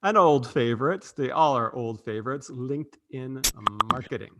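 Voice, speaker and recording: A man's voice: medium pitch, moderate pace, heavy background noise. A man hosting a live marketing show, upbeat and joking in casual chat. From Canada. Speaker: podcast host.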